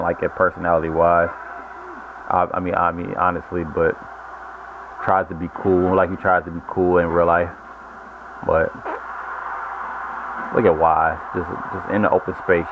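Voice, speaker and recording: Casual gamer host, low-pitched man, rambling self-correcting delivery, tinny narrow-band audio. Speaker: gaming channel host. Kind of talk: casual gameplay commentary. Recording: lo-fi phone-like audio with noise.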